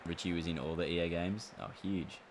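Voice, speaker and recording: Male streamer, deep voice, chatty play-by-play over a game, steady background noise. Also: a little fast. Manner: chatty, reacts aloud to the game and answers chat. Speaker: gaming streamer. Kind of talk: casual livestream chat while playing.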